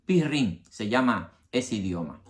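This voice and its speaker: A man's voice: fairly low pitch, expressive, unhurried. Man explaining history to viewers. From Dominican Republic. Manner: addresses the audience directly, explains with examples. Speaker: history channel host.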